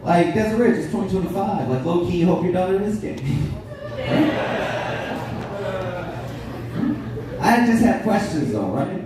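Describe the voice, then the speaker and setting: Male stand-up comic in his thirties, cocky and profane, working the room; slightly high voice, distant echoey club recording with crowd noise. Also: lively intonation, takes it slowly, long pauses. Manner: brash, profane, banters with the audience. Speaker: stand-up comedian. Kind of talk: stand-up comedy set. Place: comedy club stage with live audience.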